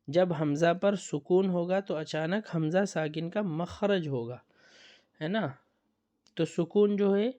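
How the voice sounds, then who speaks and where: A man's voice: a little high, a little mellow. A man teaching Quran recitation rules in an online lesson, patiently repeating points and checking that students follow. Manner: patient, repetitive, checks understanding with tag questions. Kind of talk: online lesson explaining on-screen examples.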